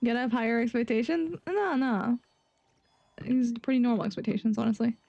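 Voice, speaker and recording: A woman's voice: fairly high pitch, fairly quick, vocal fry, dark tone, dry recording, lo-fi sound. A woman casually chatting with her viewers while live-streaming a game; laid-back, laughing often and swearing freely.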